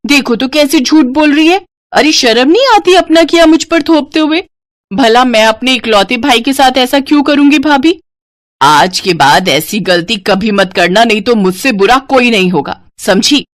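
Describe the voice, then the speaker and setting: A woman's voice: high voice, lively intonation, unhurried, pitched above the performer's own voice. A woman voicing a spoiled, scheming young sister-in-law who whines and accuses. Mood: accusing. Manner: whiny, accusing, sharp.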